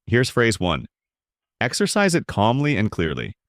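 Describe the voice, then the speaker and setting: Low-voiced man, lively pitch, scripted legal narration, dry close sound. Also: a little slow, no room sound.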